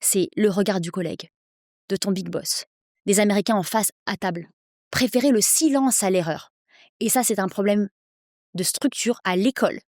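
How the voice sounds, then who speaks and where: A woman in her thirties, an English coach, speaking persuasively as a podcast guest, with energetic quick bursts. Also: mid-range voice, dry recording, studio quality. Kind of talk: podcast interview.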